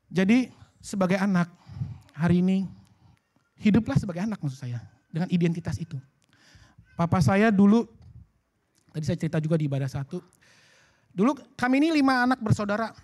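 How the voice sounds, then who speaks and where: A man preaching a sermon at a church service, in a lively, colloquial way that acts out bits of dialogue. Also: high-pitched. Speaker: pastor.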